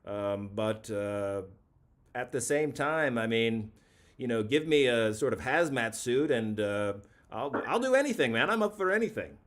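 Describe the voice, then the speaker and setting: A man hosting a late-night comedy call-in show, mid-pitched and unhurried. He talks in a mock-grandiose, rambling way. He keeps circling back over his own phrases as if savouring them. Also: expressive.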